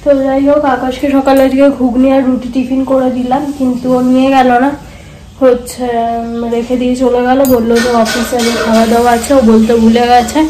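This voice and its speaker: Talking a little fast in a high, mellow voice, this Bengali-accented Indian vlogger keeps her delivery flat. She chats casually while doing chores at home on a hot day, in an echoey room with noticeable background noise.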